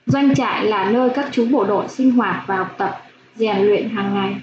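A woman primary school teacher giving a slow phonics lesson for young children, spelling out sounds clearly with gentle instructions. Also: mid-range voice. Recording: echoey room, dull lo-fi sound, faint hiss.

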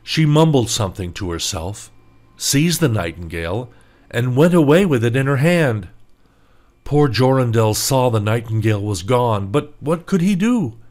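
A man narrating a fairy tale for English learners in a slow, clear and expressive reading. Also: mid-range voice. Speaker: storyteller.

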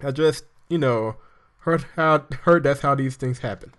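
A man's voice: medium pitch, unhurried, fairly bright tone, natural voice. A man reading the lines of a sarcastic young woman in a game, in his own everyday voice.

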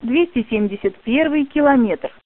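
A woman's slightly high voice names each station over a train intercom. The sound is thin and phone-like, dry and close. Her delivery is clear, formal and measured. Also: animated, no echo. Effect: played over a train intercom. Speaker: station name announcer. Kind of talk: prerecorded station name readouts.

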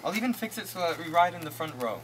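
A woman playing an older teenage boy who coaxes and smooth-talks in a stage play. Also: fairly low pitch, expressive, fast, close to an everyday voice. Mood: coaxing. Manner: coaxing, offhand, smooth-talking. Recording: loud background noise.

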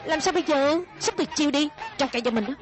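A woman voicing mischievous young schoolchildren in a cartoon dub, with excited, cheeky chatter. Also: sits high, fast, natural voice.

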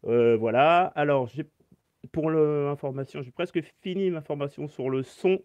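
A man's voice: on the high side, moderate pace, a little mellow, no echo, muffled recording. A man teaching saxophone in a live-stream Q&A, explaining step by step and answering chat comments aloud through his phone.

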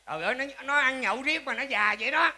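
A man's voice: extremely high pitch, expressive, quick pace, pushed and bright. A man with a Southern Vietnamese accent, playing an exasperated father in a comedy sketch, full of exclamations.

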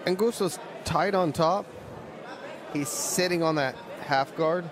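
A man's voice: a little high, slow. A man giving conversational technical analysis as a co-commentator at a live fight. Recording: crowd and venue noise behind. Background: arena crowd.

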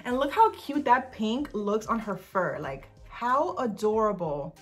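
A woman's voice: on the high side, expressive, a little slow, soft background music. A young woman chatting casually in a vlog as she shows off dog clothes, gushing and sometimes cooing. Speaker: vlogger showing dog clothes. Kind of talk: casual product review vlog.

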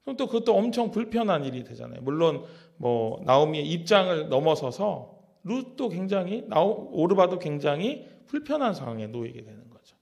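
Brief: male pastor, chatty sermon full of questions, animated pitch, slightly high voice. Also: brisk, creaky. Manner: conversational, many rhetorical questions.

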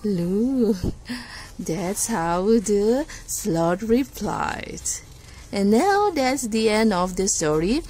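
A woman teacher, reading a picture book aloud to children in English, expressive and patient, with gasps and asides. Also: mid-range voice, very slow.

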